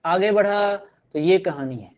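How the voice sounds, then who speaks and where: A man's voice: sits high, takes it slowly. A man teaching physics in a live online class, repeating phrases and encouraging his students.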